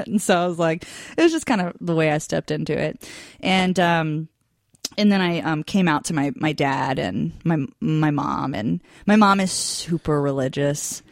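A woman with a somewhat low voice talks casually as a guest, spinning personal stories full of fillers and quick laughs. The sound is dry and close. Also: gravelly, dry recording. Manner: storytelling with frequent laughs and fillers. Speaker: podcast guest. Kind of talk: casual chat.

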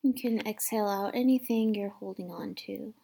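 A woman leading a guided meditation in a soft, soothing, unhurried manner, with long pauses between instructions. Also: medium pitch, creaky, slightly rough. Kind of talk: guided meditation, instructing listeners to relax and breathe.

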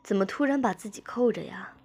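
A woman voicing a dominant young man who speaks in a teasing, controlling way, with her own breathy, husky tone. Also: medium pitch, brisk, darkish tone, slight background noise, close to an everyday voice.

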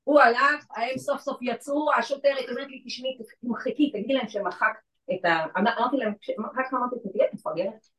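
A woman who works in legal aid, telling a story in casual chat and acting out the voices of the people in it. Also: a little high. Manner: animated, acts out quoted voices. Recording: echoey room from far off.

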